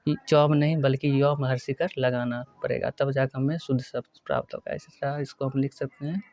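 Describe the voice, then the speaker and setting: A male teacher giving a spelling lesson, working through words one by one and repeating each correct form slowly. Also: medium pitch, fairly even intonation, a little mellow, no room sound. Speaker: Hindi grammar teacher. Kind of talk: exam-prep lesson.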